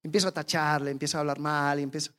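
Animated preacher asking rhetorical questions. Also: mid-range voice, very fast. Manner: animated, acts out quoted attitudes. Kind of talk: sermon.

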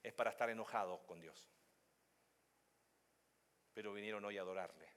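A man preaching a sermon as pastor, moving between quiet, low reflection and loud, high emphasis, and putting questions straight to his listeners. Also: normal speed. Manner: addresses listeners directly with questions. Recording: long hall reverb.

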